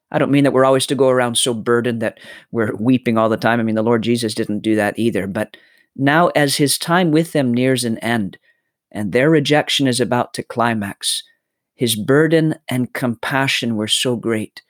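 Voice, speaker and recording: A man teaching from the Bible in an earnest, preaching style, slowing down to stress key words. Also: medium pitch, fairly bright tone, no room sound, studio quality.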